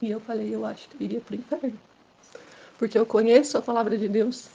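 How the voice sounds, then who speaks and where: A woman's voice: little pitch movement, a little fast, creaky, warm tone, muffled recording, a little hiss or hum. A woman, giving an earnest, emotional personal testimony at church. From São Paulo state, Brazil. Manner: earnest, emotional, rising in pitch and force as story intensifies.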